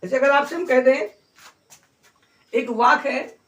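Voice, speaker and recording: The grammar teacher here is a middle-aged man whose very high voice has a bit of brightness to it. He draws out example phrases slowly while encouraging his students through an English lesson.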